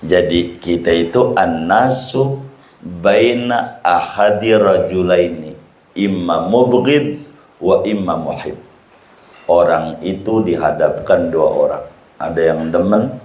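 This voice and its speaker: Slow-speaking preacher in an echoey hall. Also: male voice, sits low, a little mellow. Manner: playful, bantering with the audience and acting out mocking quotes. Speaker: Islamic preacher. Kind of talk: lively sermon to a congregation.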